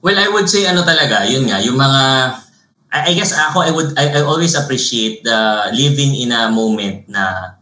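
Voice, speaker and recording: A man with a Filipino accent, a podcast guest who tells lively stories and keeps tagging his phrases with a questioning "no?". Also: mid-range voice, moderate pace. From Philippines. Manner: animated storyteller, mixes Tagalog and English, tags phrases with "no?". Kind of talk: casual interview storytelling. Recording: roomy echo.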